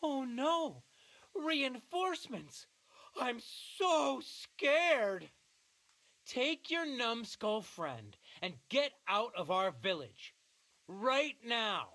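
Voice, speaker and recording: A performer playing a scornful village bully in a video game who mocks and taunts. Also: female voice, mid-range voice, big pitch swings, slow pace, bright, forceful tone, heavily acted. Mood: mocking. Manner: mocking, taunting.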